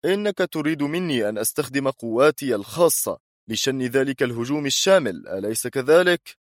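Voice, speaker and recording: A cold, commanding spymaster, voiced by a male audiobook narrator, talks in short, steely sentences. The voice sits higher and louder than the narrator's own, in a dry, close sound. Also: lively intonation, fairly quick, no room sound, close to an everyday voice. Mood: stern. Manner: firm, curt, steely. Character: stern, cold, commanding male intelligence chief. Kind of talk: audiobook character voice.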